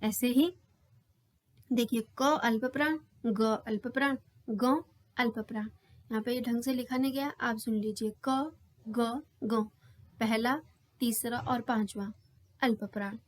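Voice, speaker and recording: A woman's voice: a little high, fairly even intonation, unhurried, long pauses. A woman teaching a grammar lesson for exam preparation, explaining patiently and sounding out letters one by one. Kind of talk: exam-prep lecture.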